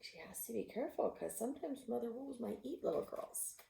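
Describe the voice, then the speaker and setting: A woman reading a picture book aloud, expressive, sometimes dropping to a whisper. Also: a little high, a little fast, gravelly, slight background noise. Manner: expressive, with gasps and animal sounds; drops to a whisper at tense moments. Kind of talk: storybook read-aloud. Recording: roomy echo.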